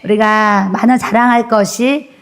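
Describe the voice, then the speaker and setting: A woman pastor giving a sermon in a church, earnest and conversational, pausing often with "uh" fillers. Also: a little high, fairly even intonation. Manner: earnest preaching with frequent "uh" fillers. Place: church sanctuary.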